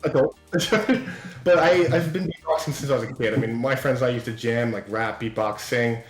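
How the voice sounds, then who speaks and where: A young man, a beatboxer in a singing group, talking in a relaxed, self-deprecating way in a casual interview. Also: medium pitch, moderate pace, roomy sound, soft background music. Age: young adult.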